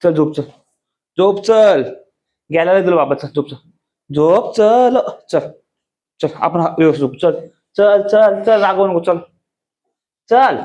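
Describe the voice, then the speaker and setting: Father softly coaxing a child to bed. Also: on the high side, a little fast. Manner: soft, coaxing, repetitive. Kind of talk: coaxing a small child to sleep. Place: home.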